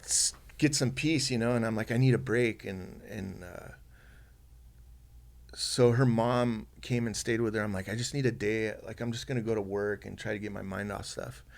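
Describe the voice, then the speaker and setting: A man talks through a personal story on a podcast. His voice sits low and gravelly. He speaks softly and haltingly, with plenty of fillers and restarts. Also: fairly even intonation. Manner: soft-spoken, halting, many fillers and restarts. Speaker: podcast guest.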